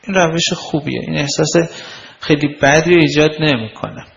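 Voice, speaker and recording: Gravelly man giving a lecture. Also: fairly high pitch, fairly bright tone, dull audio. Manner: conversational, explanatory, tells anecdotes. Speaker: lecturer on life skills. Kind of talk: lecture on communication skills.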